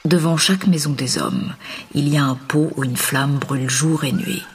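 Bagheera, a man playing a soft-spoken wise panther. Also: a little high, moderate pace, slightly rough. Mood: gentle. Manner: soft, half-whispered counsel. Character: wise protective panther, gentle guardian.

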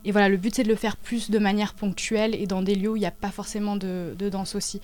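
A woman in her twenties, a dancer and choreographer, talks about her work in a casual interview, halting often as she searches for words. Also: medium pitch, level tone, a little mellow. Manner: halting, with many hesitations.

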